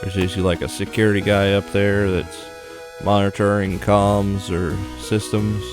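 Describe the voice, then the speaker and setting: A man with a lowish, fairly flat voice talks at normal speed while hosting a gaming video. His narration is casual and direct, covering the playthrough and the on-screen story text, with game music in the background.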